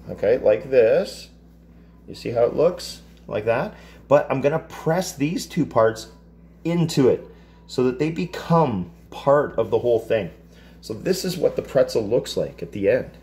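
A man in his fifties teaching a casual cooking demonstration in a home kitchen, explaining each step in a relaxed, chatty way. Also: mid-range voice, a little slow. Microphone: camera across the counter.

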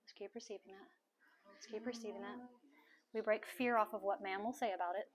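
Soft-spoken woman minister praying over people. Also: mid-range voice, steady tone, a little fast, a crowd in the background. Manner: soft-spoken, coaxing prayers, repeats phrases. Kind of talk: prayer ministry at a house meeting. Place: large living room full of people.

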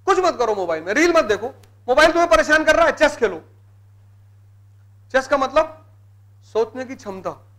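Teaching civil services aspirants live in a classroom, this man speaks in a high, bright, forceful voice with a North Indian Hindi accent. His delivery is emphatic and motivational, with lively intonation, moderate pace and long pauses; he drives home key words by repeating them and slips in English terms.

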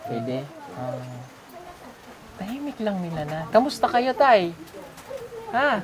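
A vlogger visiting a sponsored child chats casually with the family in their home, asking lots of questions as she coaxes and teases. She talks slowly in a sing-song, mid-range voice, and a crowd can be heard behind her.

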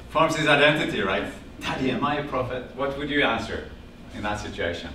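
Here a fiftyish man from Norway speaks at medium pitch and a moderate pace, with a Norwegian accent. He's an animated storyteller, gesturing while recounting a personal story to a small audience and repeating family exchanges. A far camera without a visible mic captures him in a classroom-sized meeting room with a projector screen, and the audio is echoey with a hum underneath.

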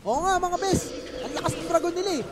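A young man with a Filipino accent giving excited, joking live game commentary, mixing in English phrases. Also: very high-pitched, fast talker, heavy background noise. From Philippines. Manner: joking, playful, mixes English phrases, bursts into excited yells. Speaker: esports commentator.

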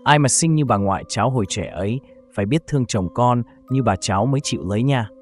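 A man's voice: medium pitch, fast talker, darkish tone, soft background music, close to an everyday voice. A man voicing a curious, affectionate young grandson in a narrated horror story, asking eager questions.

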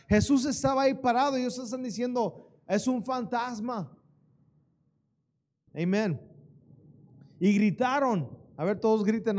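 A man preaches a church sermon in a high, bright voice. He takes his time, throwing questions to the congregation and waiting for them to respond. The delivery is that of a pastor at the pulpit. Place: church sanctuary.

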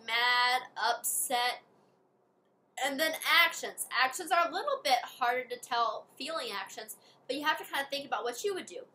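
A woman's voice: high voice, sharp tone, slight background noise. A woman teacher giving a read-aloud reading lesson to children, explaining step by step in a friendly way.

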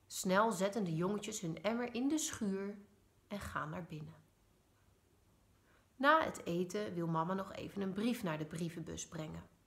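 A woman teacher reading a children's story aloud in a lively, expressive way. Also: mid-range voice, unhurried.

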